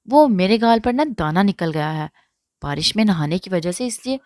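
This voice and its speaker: A woman's voice: lowish voice, lively intonation, darkish tone, no room sound, clean studio sound, lightly acted. A woman voicing a polite, slightly sorry young woman student in an audiobook reading.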